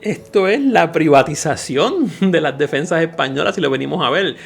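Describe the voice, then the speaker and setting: A man's voice: fairly high pitch, expressive, normal speed, vocal fry, husky. A man with a Puerto Rican Caribbean Spanish accent giving an informal history lecture as a teacher, emphatic and didactic, repeating key phrases. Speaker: history teacher and channel host.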